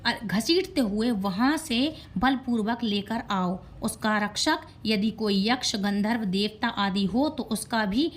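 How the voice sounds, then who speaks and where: A woman's voice: mid-range voice, lively intonation, slow pace, few pauses. A woman voicing a wrathful male demon king who issues commands to his generals. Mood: commanding. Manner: issuing commands.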